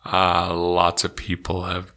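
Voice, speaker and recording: A man's voice: low voice, monotone, slow pace, pushed and bright. A man co-hosting a podcast in casual chat, answering with playful short quips. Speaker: podcast co-host.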